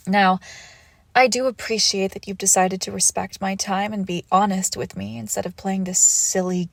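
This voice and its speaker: A mid-range female voice plays a wounded ex-lover turned seductive, threatening crime boss in an intimate audio roleplay. She sounds mocking and dismissive, commanding yet breathy, frequently sinking to a whisper, with no echo in the recording.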